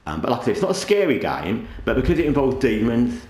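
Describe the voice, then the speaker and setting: A man's voice: medium pitch, very animated, quick pace, darkish tone. A man hosting a gaming channel in casual, rambling commentary, talking with a towel over his head. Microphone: microphone under a towel draped over the head. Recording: roomy echo, faint background noise.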